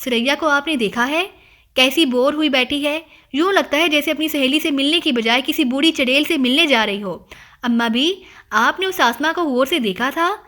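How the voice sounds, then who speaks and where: A woman doing a joking young man in an audiobook drama, teasing with a straight, mock-serious delivery. The voice stays high and bright.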